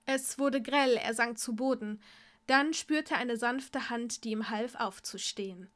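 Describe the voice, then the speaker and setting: A woman reading fan fiction aloud in a steady storytelling voice. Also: on the high side, measured pace. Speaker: story reader.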